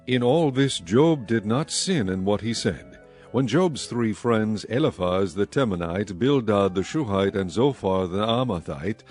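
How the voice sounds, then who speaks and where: A man with a lowish, darkish voice narrates scripture for a dramatized audio Bible. His scripted reading is measured and solemn.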